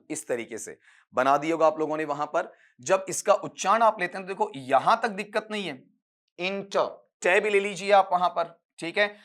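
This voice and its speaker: A man teaching English phonetics for an exam. He explains step by step, addresses students fondly, and stretches words out slowly to show their sounds. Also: a little high, a bit bright. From India. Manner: patient, explains step by step, calls students "beta". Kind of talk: exam-prep lecture.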